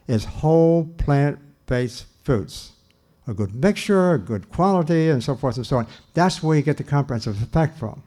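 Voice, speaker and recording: Earnest older man lecturing, mellow voice. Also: medium pitch. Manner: earnest, emphatic with repetitions and restarts. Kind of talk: public lecture. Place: church hall.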